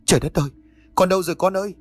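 A man's voice: a little high, fast, no echo, soft background music, close to an everyday voice. A man voicing a sobbing, desperate village mother. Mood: anguished. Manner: sobbing, pleading, breathless. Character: grieving middle-aged village mother, desperate.

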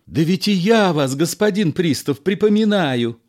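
A man's voice: high-pitched, expressive, measured pace, a little mellow, voice pushed up. A man voicing a theatrical, sentimental old actor who declaims his memories.

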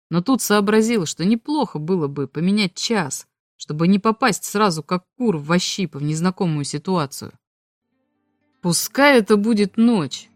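Low-voiced woman reading a novel aloud. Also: no echo. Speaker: audiobook reader. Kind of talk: scripted narration of a novel.

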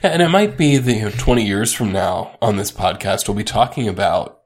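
A man co-hosting a podcast, laid-back in casual chat and quick to agree with short replies. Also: on the low side, lively intonation, husky. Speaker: podcast co-host.

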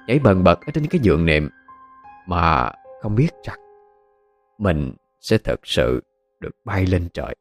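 A man narrating a ghost story in an expressive storytelling manner. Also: sits low, a little slow, pauses often, soft background music. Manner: expressive storytelling, voices every character.

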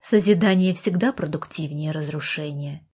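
A woman narrating an audiobook in a steady storytelling voice. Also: low-pitched, moderate pace, husky. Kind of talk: scripted narration.

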